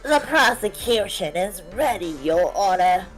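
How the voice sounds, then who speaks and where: A woman playing a smug, condescending veteran male prosecutor with a slow sneering drawl. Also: mid-range voice, lively intonation, soft background music, natural voice. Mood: formal.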